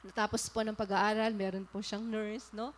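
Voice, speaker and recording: A woman pastor from the Philippines giving an animated sermon, telling a story and putting questions to the congregation. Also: medium pitch, normal speed, slight background noise. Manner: animated, rhetorical questions to the audience, polite and earnest.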